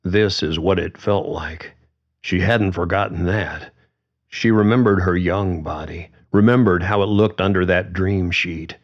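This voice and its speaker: A man reads a story aloud in a calm, measured way, his voice very deep and his pace unhurried. The recording sounds dull and lo-fi. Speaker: narrator. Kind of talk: audiobook narration.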